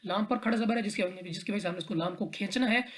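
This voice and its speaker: A woman's voice: mid-range voice, quick pace. Patient woman teaching Quran recitation rules. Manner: patient, step-by-step, repeats rules and checks in with "theek hai". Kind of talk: tajweed lesson explaining recitation rules.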